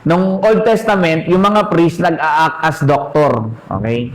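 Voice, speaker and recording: A man with a fairly high voice preaching a sermon. He teaches in a relaxed, conversational way and keeps checking in with his listeners through questions. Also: takes it slowly, a little hiss or hum, low-quality recording.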